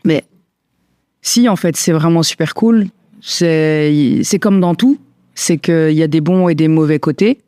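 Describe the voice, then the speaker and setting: Reflective woman, halting casual talk. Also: sits low, warm tone, no echo, clean studio sound. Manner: hesitant, many fillers and restarts. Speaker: guest, stylist and entrepreneur.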